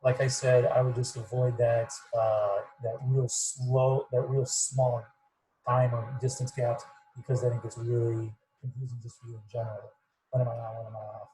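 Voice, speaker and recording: Man, running coach on a video call; rambling, monotone delivery, muffled mic with faint background noise. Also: mid-range voice, normal speed. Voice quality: muffled, fuzzy. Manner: rambling, repeats words, self-described monotone. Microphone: computer mic on video call.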